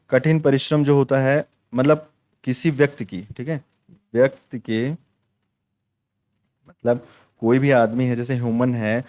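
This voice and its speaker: In this online exam-prep class, a young male teacher keeps repeating the main points and checking on his students, hammering them home with "theek hai." His voice is medium in pitch and darkish, with no room sound.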